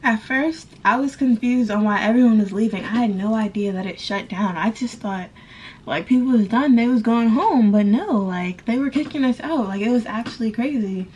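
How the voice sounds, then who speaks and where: A woman's voice: fairly high pitch, normal speed, a little mellow, a little hiss or hum, rough recording. A young woman telling a story casually to her camera in her bedroom. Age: young adult. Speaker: vlogger. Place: bedroom at home. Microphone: camera at arm's length.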